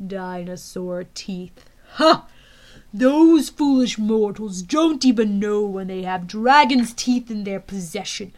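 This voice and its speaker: A woman voicing a cold, scheming male villain general who speaks slowly and loudly. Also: animated. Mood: gloating. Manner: slow, booming, menacing delivery.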